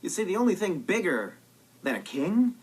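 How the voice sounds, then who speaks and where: A man's voice: high voice, big pitch swings, normal speed, husky, exaggerated voice. An actor playing a vain young man declaring himself a god in a sitcom, grandiose and theatrical. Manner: grandiose, theatrical, then sheepish.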